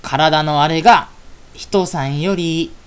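A woman voicing a knowing, gossipy fairy girl who talks in a hushed, roundabout way with a Kansai accent. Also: deep voice, slow, clean tone, pitched below the performer's own voice. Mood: exasperated.

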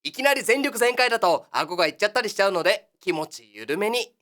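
A woman's voice: medium pitch, animated, fast, fairly bright tone, close to an everyday voice. A woman playing the cheery big-brother host of a children's exercise show, talking in a sing-song, coaxing patter in a comic monologue.

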